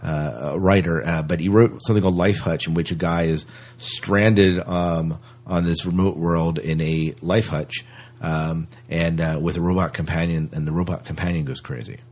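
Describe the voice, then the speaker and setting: A podcast co-host with a very deep, husky voice talks through the news casually, rambling a little and hesitating along the way. His intonation stays fairly even, his pace moderate and his tone a little mellow.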